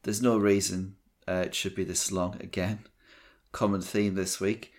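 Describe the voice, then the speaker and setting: A man co-hosting a podcast, giving measured, critical film opinions with frequent hesitations. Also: low voice, little pitch movement. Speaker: podcast co-host. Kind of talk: casual film discussion.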